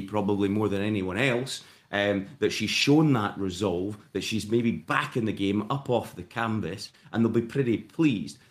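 A man with a croaky, sleepy voice giving conversational political analysis as a podcast guest. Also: lowish voice.

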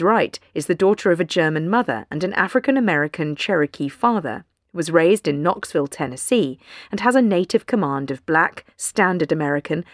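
A woman narrating a scripted news essay with a measured, wry delivery. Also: lowish voice, no echo, clean studio sound. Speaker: journalist reading an essay.

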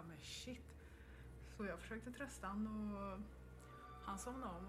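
A woman co-hosting a podcast, telling a ghost story in casual chat and acting out her own reactions. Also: medium pitch. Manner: lively storytelling with acted-out reactions. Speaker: podcast co-host.

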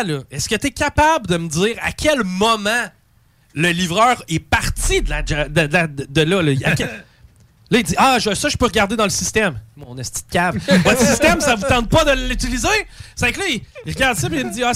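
Un homme à l'accent québécois, à la voix haute, raconte une anecdote comique entre amis sur un ton de coup de gueule, en sacrant beaucoup et en jouant lui-même les deux côtés du dialogue. Le son est sec, très proche du micro, sans écho de la pièce. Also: male voice, high voice, a little fast, no room sound. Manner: animated ranting, heavy swearing, acts out both sides of a dialogue. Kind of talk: casual comic storytelling among friends.

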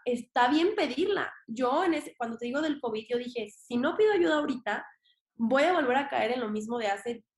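A young woman with a Mexican accent, a podcast guest talking casually and emphatically, with slang and the odd swear word. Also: fairly high pitch. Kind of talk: casual interview talk. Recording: roomy echo.

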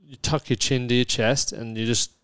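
This broad-accented Australian man in his thirties swaps casual, joking stories with his wife on their podcast, full of slang and easygoing. His medium-pitched voice is fairly bright and clean, with a steady tone and moderate pace, and there's no echo.

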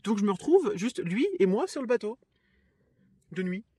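A woman hosting a podcast, telling a personal story in a casual, lively way with frequent laughs and fillers. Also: mid-range voice, moderate pace, husky, dry recording. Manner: lively, chatty, laughs often, trails off with fillers. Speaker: podcast host.

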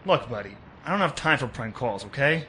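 A man's voice: mid-range voice, lively intonation, fairly quick, sharp tone, a little hiss or hum. An actor playing a weary, wisecracking hard-boiled private detective who narrates his own case. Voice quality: sardonic, weary. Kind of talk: noir detective narration and dialogue.

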